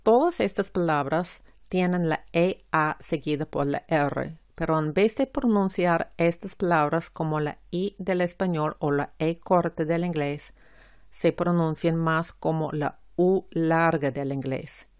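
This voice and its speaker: A woman teaching English pronunciation, saying each word slowly and clearly in a careful instructional style. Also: low voice, darkish tone, dry recording, clean studio sound.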